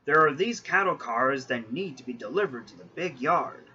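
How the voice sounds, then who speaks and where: A man voicing a brisk, matter-of-fact male harbor master. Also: mid-range voice, expressive, sharp tone, husky, highs cut off, full character voice.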